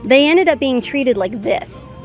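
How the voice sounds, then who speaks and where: Pushy higher-voiced woman street interviewer. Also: lively intonation, measured pace, soft background music. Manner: pointed, challenging questions.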